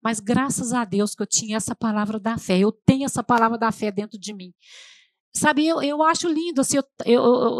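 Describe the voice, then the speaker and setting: A woman's voice: fairly high pitch, darkish tone, no echo. A middle-aged woman with a Brazilian accent, preaching an emotional testimonial sermon in church and often calling out to the congregation. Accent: Brazilian Portuguese. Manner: emotional, conversational, addresses audience as "gente".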